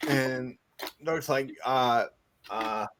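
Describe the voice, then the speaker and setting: A man's voice: mid-range voice, takes it slowly, a crowd in the background. A middle-aged man, a pastor co-hosting a casual faith podcast, who gives blunt, joking advice in a preachy way.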